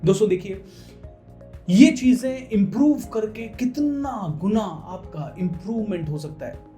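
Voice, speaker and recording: Guy teaching english word stress in hindi, drags words out slow, echoey room. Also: sits high, expressive, warm tone, faint music behind. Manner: slows right down to drill words, stressing syllables. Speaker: spoken English coach. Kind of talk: casual Hindi lesson on English pronunciation.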